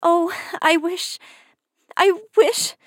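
A woman reading a storybook voices Cinderella as a meek, sad young girl, soft and pleading. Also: on the high side, a little slow, dry recording, studio quality, natural voice. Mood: tearful.

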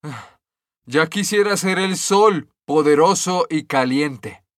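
A man's voice: a little high, lively intonation, slow, no echo, clean studio sound. Man playing a grumbly stonecutter who always wants more, sighing and pushy, storybook voice. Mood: wistful sighing. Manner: sighing, yearning, then demanding. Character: discontented poor stonecutter forever wishing for more.

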